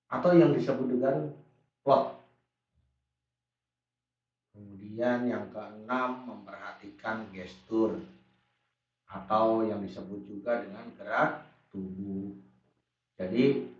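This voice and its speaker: A man's voice: on the low side, heavy reverb. Man, teacher, recorded class lesson, patient explainer, distant mic, dull lo-fi sound. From Indonesia. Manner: patient, repeats points, answers pupils' imagined questions.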